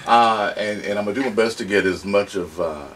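A man's voice: on the low side, a little fast, a bit bright. A man hosting a radio interview, joking and emphatic in casual talk. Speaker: radio host. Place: radio studio. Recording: distant mic with faint room noise.

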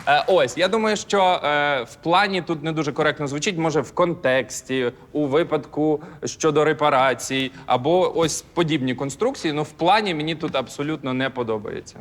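A man's voice: fairly high pitch, normal speed, hardly any pauses. Joking male quiz contestant. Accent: Ukrainian. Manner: joking, thinking aloud. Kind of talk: casual quiz answering. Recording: studio with long reverb.

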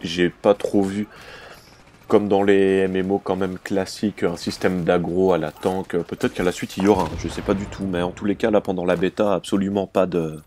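Deep-voiced man in casual gaming commentary. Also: warm tone, a little hiss or hum. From France. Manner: chatty and informal, with frequent hesitations. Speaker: gaming channel host. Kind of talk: casual let's-play commentary.

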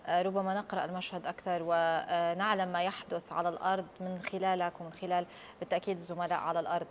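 A woman's voice: on the low side, little pitch movement, very fast, slight background noise. A woman in her thirties with a Levantine accent, hosting a studio interview with careful, hesitant phrasing. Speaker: news interviewer, host. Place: large TV news studio. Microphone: lapel.

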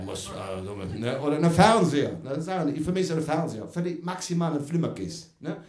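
Lively Cologne comedian with a high, swooping voice. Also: male voice, reverberant. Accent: Cologne (Kölsch). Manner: chatty, keeps adding "ne?", laughs along. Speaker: comedian on stage. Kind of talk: live stand-up in front of an audience. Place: live venue with audience.

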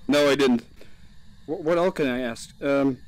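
A man's voice: medium pitch, moderate pace. A man streaming a game with a teammate, swearing and laughing, casual chat.

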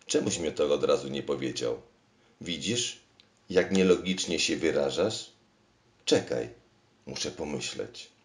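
A man's voice: rumbling low, unhurried, pauses often. A man voicing a forgetful, scatterbrained female thinking machine with a fussy, pedantic manner. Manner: pedantic, muddled, absent-minded. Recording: roomy echo.

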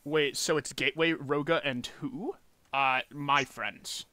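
A man's voice: a little high, steady tone, a little slow, sharp tone, no echo. A man streaming a game with friends, joking and directing his teammates. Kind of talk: casual live stream chat.

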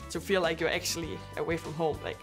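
A woman's voice: low voice, level tone, quick pace, faint music behind. A woman basketball player chatting in an interview, with many fillers. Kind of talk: casual interview.

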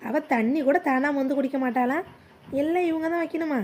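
A woman voicing a sneering neighbour woman who speaks slowly from a distance. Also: sits high, a little mellow, slight background noise, natural voice.

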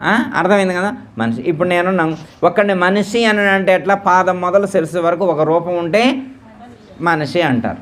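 A man leading a devotional discourse at a temple gathering, slowly repeating words and quizzing his listeners with questions to check they follow. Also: fairly high pitch. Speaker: spiritual teacher.

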